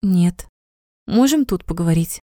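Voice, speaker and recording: A woman's voice: lowish voice, expressive, unhurried, mellow, no room sound, clean studio sound. A woman voicing an emotional, outspoken young woman who swears when upset in a storybook reading. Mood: hesitant.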